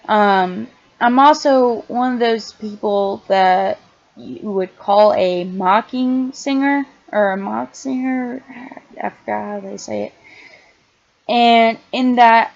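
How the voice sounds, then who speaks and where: A young woman casually explaining her screaming technique in a halting, quiet way, with many fillers and restarts. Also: a little high, muffled recording. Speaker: vlogger. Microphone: iPad held close.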